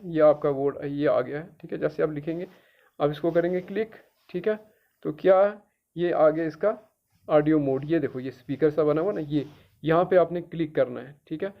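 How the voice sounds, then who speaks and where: A gravelly, slightly high-voiced middle-aged man from Jammu and Kashmir walks his students through a tutorial one step at a time. He talks patiently and repeats himself, checking often that they follow. The recording sounds dull and lo-fi. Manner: patient, repetitive, keeps checking with "theek hai". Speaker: teacher. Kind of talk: screen-guided tutorial.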